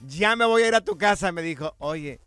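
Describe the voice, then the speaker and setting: A man's voice: fairly high pitch, a little fast, clear, resonant tone, no room sound, faint music behind. A Mexican man co-hosting a radio show, telling a funny story and laughing as he goes. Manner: animated, laughs at his own stories. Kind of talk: comic storytelling chat.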